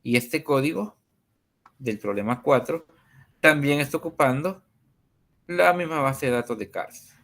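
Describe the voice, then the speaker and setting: A man tutoring a coding class over a screen share, talking slowly with many pauses and fillers. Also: mid-range voice, gravelly, fairly bright tone. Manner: slow and hesitant, many fillers.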